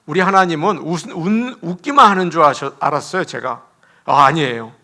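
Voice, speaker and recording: Bright-voiced Korean pastor preaching. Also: male voice, fairly high pitch, moderate pace. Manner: animated preaching with laughter and acted quotes. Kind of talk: sermon. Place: church.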